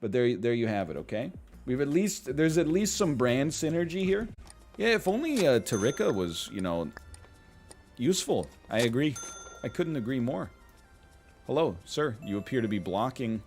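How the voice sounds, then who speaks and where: A man's voice: medium pitch, big pitch swings, moderate pace, a little mellow, faint music behind. A man casually commenting on a management game he is playing, goofy and rambling, with playful exclamations. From Canada. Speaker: gaming streamer. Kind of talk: casual let's-play commentary.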